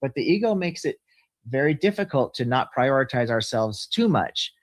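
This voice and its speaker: A man's voice: mid-range voice, sing-song, normal speed, dry recording. A man in his fifties in a casual discussion, talking earnestly and at length, sometimes laughing as he explains. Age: 50s. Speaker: channel host.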